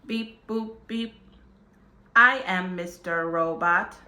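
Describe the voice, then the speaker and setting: Beep boop robot guy from the future , a lady putting it on, robot voice, slow and stiff, a bit low. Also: roomy sound, exaggerated voice. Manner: slow, flat, mechanical delivery with beeps and boops.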